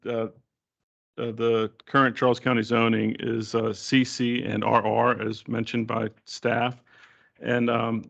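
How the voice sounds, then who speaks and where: A man's voice: mid-range voice, vocal fry, dull audio. A man presenting as a developer at a public meeting, hesitant and repeating words.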